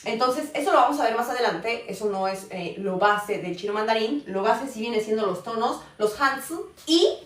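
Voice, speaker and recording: A woman's voice: fairly high pitch, lively intonation, normal speed. A woman teaching a live online Mandarin class, explaining patiently and often checking in with "ok?". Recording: roomy echo, voice far from the mic.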